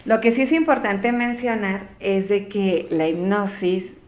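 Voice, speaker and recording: She is a middle-aged woman with a Mexican accent, speaking as a guest in a relaxed interview. Her voice sits at an ordinary pitch for a woman. She talks things through out loud, counts on the fly and now and then stumbles over a word. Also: measured pace. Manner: chatty, counts aloud, trips over words. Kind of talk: casual interview talk.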